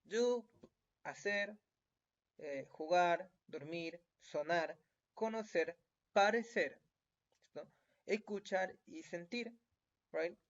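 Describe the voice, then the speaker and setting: This high-pitched male voice draws out its words and leaves long pauses. He's a Chilean Spanish speaker giving a recorded lesson, patient and constantly checking in with tag questions after almost each point. The audio is dull and lo-fi.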